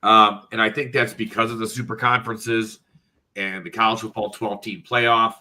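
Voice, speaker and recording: A congested man with a slightly nasal voice co-hosts a casual sports podcast, speaking lowish, level, sharp and at normal speed. He's thoughtful, full of "uh" and "um" as he works out his points.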